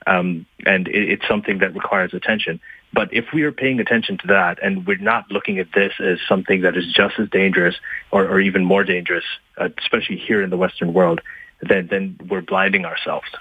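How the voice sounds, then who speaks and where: A man guesting on a radio show by phone, speaking haltingly and thoughtfully, with lots of fillers and restarts. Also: deep voice, steady tone, husky, no echo. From Pakistan, Libya and Saudi Arabia. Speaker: guest author. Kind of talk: phone-in interview. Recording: tinny phone line.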